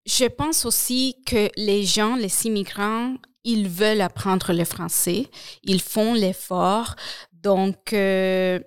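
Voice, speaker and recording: A woman speaks slowly and hesitantly as a podcast guest, pausing often to search for words. Her voice is smooth and clear, and the sound is dry and close. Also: medium pitch, dry recording. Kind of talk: casual conversation.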